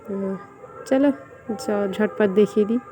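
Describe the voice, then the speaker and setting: A young woman vlogger chatting casually and speaking softly at home so her sleeping son stays asleep. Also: medium pitch, steady tone, unhurried, vocal fry. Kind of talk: casual vlog chat. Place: at home indoors. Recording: home recording with music playing nearby. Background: fair music playing nearby.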